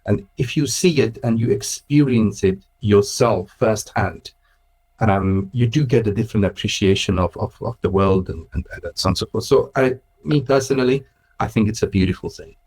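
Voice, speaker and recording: A thoughtful man raised in Switzerland, a guest who directs an Islamic school, speaks in a casual conversational interview. His voice is fairly low and darkish with a breathy edge, at a moderate pace, and he often restarts and laughs.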